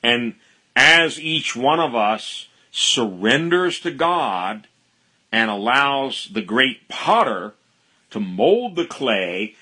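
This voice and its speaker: Male preacher, sermon, forceful bright tone, unhurried pace, emphatic repetition, conversational teaching. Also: medium pitch, very animated, breathy edge, rough recording. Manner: emphatic, repetitive phrasing for stress.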